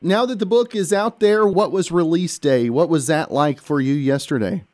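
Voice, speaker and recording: A man's voice: on the high side, moderate pace, a little mellow. A male radio host reading scripted intros, then asking chatty interview questions and often repeating words as he goes.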